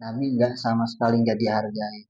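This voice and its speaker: Heard from a distance through dull, lo-fi audio, a man with a medium-pitched, dark voice preaches to a congregation. This Islamic preacher keeps his sermon casual and colloquial, speaking earnestly straight to those listening.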